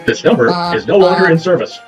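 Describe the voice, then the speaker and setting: A woman voicing a phone operator and a recorded message heard over a landline phone, in a flat, formal announcing manner. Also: sits low, quick pace, loud music behind the voice, pitched below the performer's own voice.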